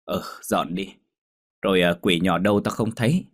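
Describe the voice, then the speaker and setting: A man's voice: deep voice, normal speed. A man voicing an elderly, gossipy mother who grumbles and scolds. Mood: grumbling. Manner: scolding, griping.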